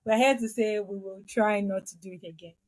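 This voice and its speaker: A woman's voice: medium pitch, fairly even intonation, a little fast, a little mellow, dry recording, low-quality recording. A woman co-hosting a podcast in casual chat, talkative and laughing easily. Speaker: podcast co-host.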